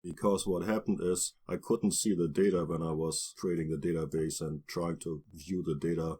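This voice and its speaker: A man narrating a screen-recorded programming tutorial, walking through each step plainly with frequent pauses and restarts. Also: sits low, dark tone, husky. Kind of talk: screen-recorded coding walkthrough.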